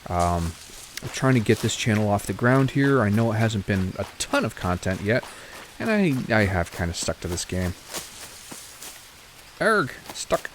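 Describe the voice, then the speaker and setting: A man's voice: fairly low pitch, very animated, normal speed, slight background noise. A man casually commenting on his survival game play for viewers, chatty and often correcting himself. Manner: chatty, self-correcting, talks to viewers while playing. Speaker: gaming channel host.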